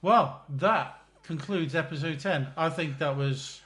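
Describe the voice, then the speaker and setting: A man with an English accent co-hosting a podcast in casual chat, firing off quick questions and laughing often. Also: a little high, fairly bright tone. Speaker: podcast co-host.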